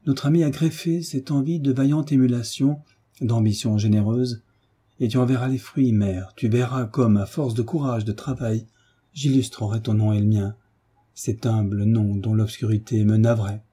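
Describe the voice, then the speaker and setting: A man's voice: medium pitch, steady tone, normal speed, dark tone, slightly rough, close to an everyday voice. A man reading the part of an ardent, grateful teenage boy, speaking with fervent, rising feeling. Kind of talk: audiobook character reading.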